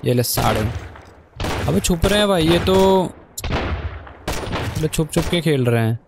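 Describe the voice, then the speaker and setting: Excitable gamer man over loud gunfire. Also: fairly high pitch, unhurried, gravelly, background noise. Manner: excitable, swears at enemies, keeps up a running commentary. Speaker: gaming YouTuber. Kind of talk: live gameplay commentary. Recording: gunfire from the game behind.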